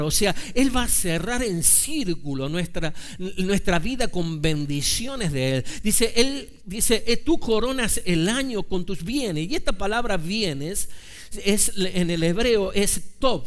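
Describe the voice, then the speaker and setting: In a high voice, a male pastor talks his sermon through with the congregation as if in conversation. Rhetorical questions come often, and he eases his pace whenever he emphasizes scripture.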